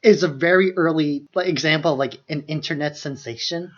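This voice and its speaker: A podcast co-host with a fairly high voice chats briskly and casually about films, leaning heavily on "like" in his very informal speech. The audio is dull and lo-fi.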